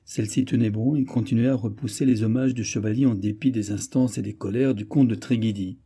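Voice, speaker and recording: A man narrating a short story for an audiobook in a measured, even storytelling manner with a husky voice. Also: fairly low pitch. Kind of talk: scripted narration.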